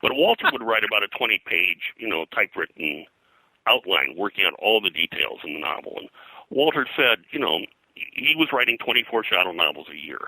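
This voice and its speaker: Speaking fairly quickly in a lowish, sharply bright and creaky voice, an American interview guest who is a pop culture historian and publisher tells expressive, detail-heavy anecdotes and keeps wandering into digressions. The close, dry recording has no echo but sounds rough.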